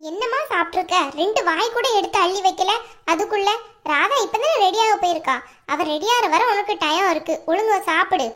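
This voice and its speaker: Woman voicing a high, bossy cartoon aunt. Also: brisk, fairly bright tone. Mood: scolding. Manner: scolding, nagging, commanding. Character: bossy older aunt who scolds and fusses. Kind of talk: cartoon voice acting.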